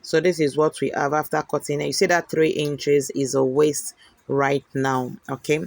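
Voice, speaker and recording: A man's voice: fairly high pitch, level tone, normal speed, gravelly, no room sound. A man explaining how to cut and notch fabric pieces in a sewing tutorial. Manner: instructive, checks in with "okay?". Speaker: sewing instructor.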